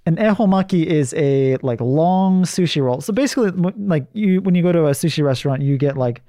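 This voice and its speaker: A man's voice: fairly high pitch, animated, brisk, dark tone, no echo, clean studio sound. A man co-hosting a talk show, explaining things in casual conversation.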